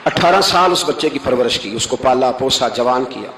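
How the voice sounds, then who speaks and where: A man's voice: mid-range voice, lively intonation, a bit bright, slight background noise. Echoing Urdu preacher man. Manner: storytelling with emphatic rises and quoted voices. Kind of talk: sermon.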